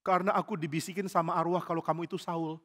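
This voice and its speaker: A man preaching while voicing a nervous, secretive female spirit medium who talks in a hushed, furtive way. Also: a little high, level tone, quick pace. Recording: reverberant church hall.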